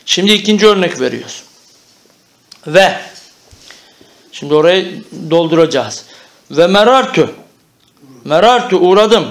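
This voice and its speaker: A man's voice: sits high, expressive, a little slow, long pauses. A man teaching an Arabic grammar lesson, explaining step by step and often checking that the class understands.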